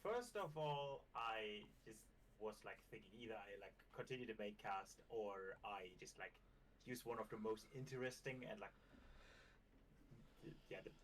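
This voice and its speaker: A man's voice: lowish voice, expressive, moderate pace. Male guest, casual chat, hesitant, distant from mic, faint background noise. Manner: hesitant, lots of "like" fillers. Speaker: guest card designer.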